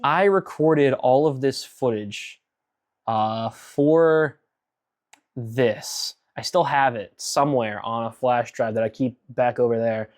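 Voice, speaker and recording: A man talking through his own old video in a slow, unhurried ramble, full of fillers. He picks at his past mistakes as he goes, with a voice of ordinary middle pitch. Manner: rambling and self-critical, many fillers. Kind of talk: casual director's commentary.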